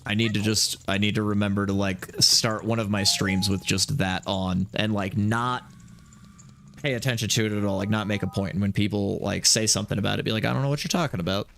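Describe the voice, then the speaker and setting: A man streaming live, chatting casually with viewers in an excitable, filler-heavy way. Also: on the low side, brisk, creaky, slight background noise.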